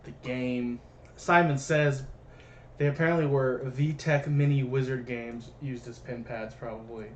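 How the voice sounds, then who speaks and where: A man's voice: mid-range voice, fairly even intonation, measured pace, slight background noise. A young man co-hosting a casual movie commentary, rambling, correcting himself and apologizing as he goes. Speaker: podcast co-host. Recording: roomy, dull lo-fi sound.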